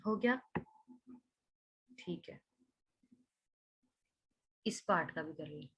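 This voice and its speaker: A woman's expressive, husky voice, on the low side yet fairly bright in tone, leads an online Quran recitation lesson. Sound by sound, she patiently corrects pronunciation, slowly drawing out recited words before explaining them.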